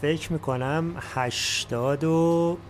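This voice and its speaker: A man at a workshop telling a story from his own life in a plain, unhurried way. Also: on the high side, steady tone, slight background noise. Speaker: workshop participant. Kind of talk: personal anecdote.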